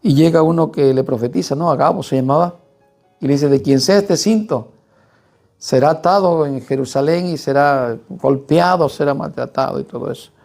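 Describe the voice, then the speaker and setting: A man's voice: on the high side, fairly quick, creaky, a little mellow, soft background music. A man preaching a sermon, emphatic and often turning to the congregation with rhetorical questions.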